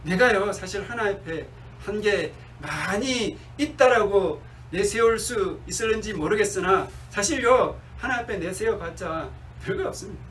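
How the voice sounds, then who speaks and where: A male pastor preaching a sermon, asking his congregation questions and answering them himself, sometimes slowing down and dropping to a soft murmur. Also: sits high, expressive, far from the mic, a little hiss or hum, low-quality recording. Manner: slows down and drops to a near-murmur on key words.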